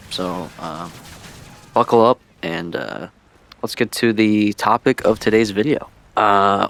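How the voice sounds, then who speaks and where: A video creator and streamer delivers laid-back, rambling gaming vlog commentary in a smooth voice on the low side. He uses a headset-style microphone for a deliberately old-school sound.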